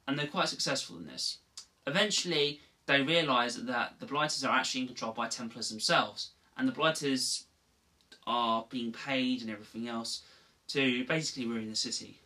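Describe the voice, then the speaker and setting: A man talks through a game's story in a loose, rambling way, stopping and restarting his sentences as he goes. His voice is bright and forceful. He sits some distance from the microphone, so he sounds a little far off. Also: medium pitch, normal speed. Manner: rambling, with frequent restarts and asides. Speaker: gaming video host. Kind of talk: casual unscripted game recap.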